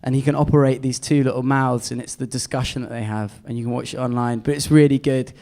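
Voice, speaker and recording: A man's voice: medium pitch, fairly even intonation, fast, a little mellow. A man, an artist giving a casual and enthusiastic slide talk full of fillers. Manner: chatty, enthusiastic, many fillers.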